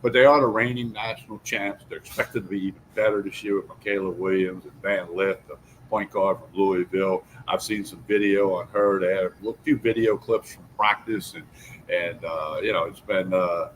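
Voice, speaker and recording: A man with a fairly low voice co-hosts a sports talk show in a folksy, opinionated way. His talk is loose and full of fillers, and a faint hiss runs under the recording. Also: steady tone, moderate pace, poor audio. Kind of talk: casual sports chat.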